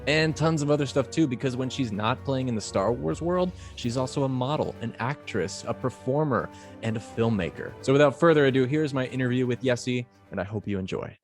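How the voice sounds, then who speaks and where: A man hosting a casual podcast interview, chatty and enthusiastic. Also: mid-range voice. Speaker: podcast host.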